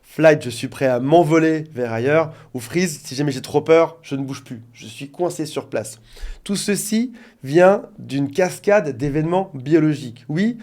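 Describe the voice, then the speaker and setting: A man's voice: on the high side, animated, unhurried, darkish tone. A man working as a relationship coach, explaining things directly to his viewers in an informal talk, with joking asides. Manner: jokey asides.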